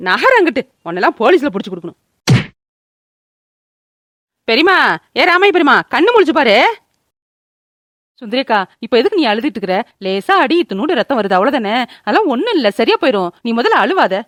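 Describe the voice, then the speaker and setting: A woman voicing a sharp-tongued village woman neighbour, bossy and scolding. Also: fairly high pitch, sing-song, no echo, clean studio sound. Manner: scolding, bossy, rapid-fire. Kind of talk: cartoon voice acting.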